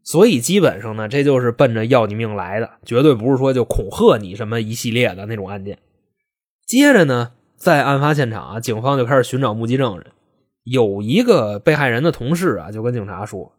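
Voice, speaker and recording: A young man telling a true-crime story in a chatty, joking, colloquial way. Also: mid-range voice. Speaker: podcast host and storyteller.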